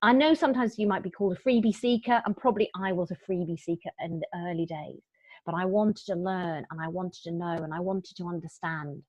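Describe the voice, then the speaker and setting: A woman's voice: fairly low pitch, brisk, a little mellow, no room sound. A middle-aged woman presenting a property investment webinar in a chatty, upbeat way. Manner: chatty, upbeat, with frequent fillers and restarts. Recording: dull, dry lo-fi webinar audio.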